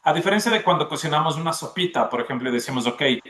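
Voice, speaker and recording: Very fast and forceful, a man's bright, slightly high voice carries lively intonation. He is a gastronomy school dean from Ecuador giving lengthy explanations in a podcast interview, often checking in with the listener through the tag "¿no es cierto?".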